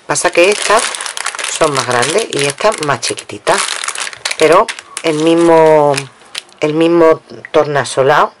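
In a deep voice, a bit slowly and with long pauses, a woman from Spain casually chats to viewers while showing craft supplies she bought, counting them aloud at her table. Crinkling packets fill the noisy home recording.

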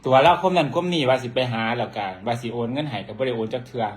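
A man's voice: medium pitch, very fast. A man with an Isan Thai accent, a doctor, chatting casually and bickering back with his partner. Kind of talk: casual couple chat.

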